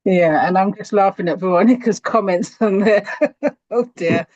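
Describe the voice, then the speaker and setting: A woman's voice: mid-range voice, normal speed, a little mellow, dry recording, dull audio. A woman with a London accent hosting a casual show, reading out viewer questions with giggles and rambling restarts. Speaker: host.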